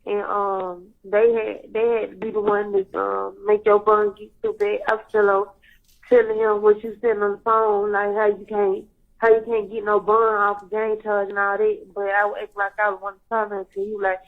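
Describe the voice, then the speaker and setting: A woman's voice: mid-range voice, little pitch movement, normal speed. A woman talking casually on a payphone call, rambling as she retells things with many fillers. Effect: heard over a payphone call line. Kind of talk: casual phone chat. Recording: tinny jail phone line.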